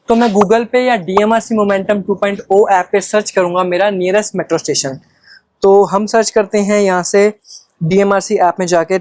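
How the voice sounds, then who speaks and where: A man's voice: sits high, darkish tone, dry recording. A man with an Indian accent giving step-by-step travel guide narration, instructional and mixing in English phrases. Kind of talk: step-by-step explanatory vlog narration.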